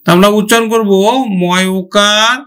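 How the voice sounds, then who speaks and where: High-voiced man teaching a grammar lesson. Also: steady tone, bright, forceful tone, smooth. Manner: slow, drawn-out pronunciation of example words; asks the listener questions, then answers them.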